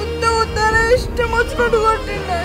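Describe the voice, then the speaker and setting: A woman's voice: extremely high pitch, fairly even intonation, a little fast, loud music behind the voice, over a noisy crowd. A woman playing a young married daughter, crying and hurt by her husband, speaking with a Telangana Telugu accent. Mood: tearful. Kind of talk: village family drama acting.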